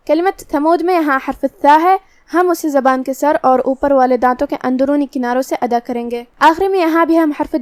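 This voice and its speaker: A woman's voice: sits high, a little mellow, no echo. A woman with an Urdu accent teaching Quran recitation rules, explaining patiently and methodically, step by step. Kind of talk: tajweed lesson, explaining rules slowly.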